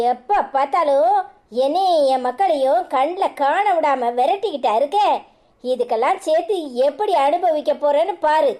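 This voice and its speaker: A woman's voice: high voice, warm tone. A woman voicing a bitter mother-in-law in a cartoon serial, cursing and warning in a Kanyakumari Tamil accent.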